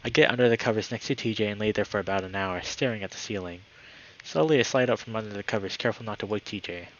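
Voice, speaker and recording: Speaking quickly in a lowish voice, a live streamer shifts between friendly chatter and reading a story aloud, upbeat throughout and excitable whenever he greets viewers. The recording has its highs cut off and slight background noise.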